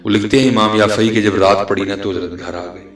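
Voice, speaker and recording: Male preacher, low voice, dramatic storytelling sermon, roomy echo with faint music behind. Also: fairly even intonation. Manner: dramatic storytelling, swinging between loud declaiming and hushed tones. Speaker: religious preacher.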